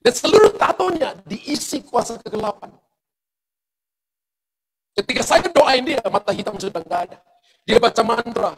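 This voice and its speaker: A middle-aged man preaches from a church stage, his voice sitting high for a man and carrying a gravelly edge. He tells his testimony in a lively way and keeps turning to the congregation with direct questions. He sounds like a pastor holding the room with a story. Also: moderate pace, pauses often, rough recording. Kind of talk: sermon.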